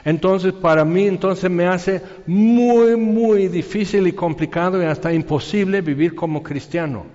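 A man preaching a sermon in a conversational, animated way, acting out quoted voices. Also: sits high, a little slow, long reverb tail, dull audio.

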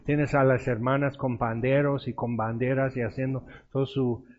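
A man's voice: mid-range voice, level tone, moderate pace, muffled recording, a little hiss or hum. A man preaching a sermon, retelling Bible stories and acting out the voices of the people in them. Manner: storytelling, acts out quoted voices.

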